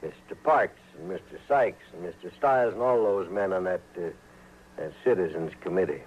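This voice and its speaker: Clegg Rawlins, sly drawling crooked sheriff. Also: male voice, low voice, moderate pace, breathy edge. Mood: oily, persuasive. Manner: folksy, slyly threatening. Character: corrupt, smooth-talking, menacing frontier sheriff. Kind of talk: old-time radio western acting. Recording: dull, hissy old radio recording.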